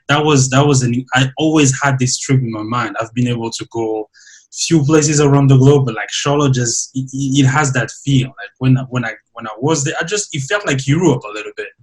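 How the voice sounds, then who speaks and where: Agreeable man with a middle-pitched voice. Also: rough recording. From Central Africa (Burundi, Rwanda), raised partly in France. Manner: agreeable, laughs often, halting restarts. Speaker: podcast host. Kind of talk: casual interview chat.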